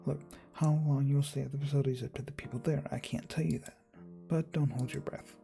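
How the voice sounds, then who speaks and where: A man's voice: mid-range voice, steady tone, fast talker, gravelly, mellow, faint music behind, lightly acted. A man voicing a self-important male doctor who talks in a curt, lecturing way. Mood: stern.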